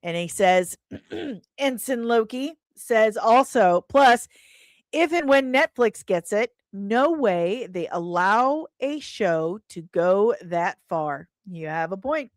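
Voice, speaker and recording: In a slow, expressive mid-range voice, a woman hosting an entertainment news livestream reads out her chat and answers it with casual, irreverent humor, slang and pet names. The audio is clean studio sound with no echo.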